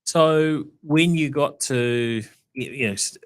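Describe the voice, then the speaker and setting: A man hosting a podcast, asking curious, halting questions with restarts. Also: mid-range voice, smooth, no echo. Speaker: podcast host. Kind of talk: interview questions.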